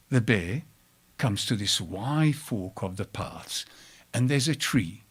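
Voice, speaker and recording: A man telling a personal story live to an audience, with wide swings in pitch and loudness and chatty asides to the listeners. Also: husky. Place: storytelling event before an audience.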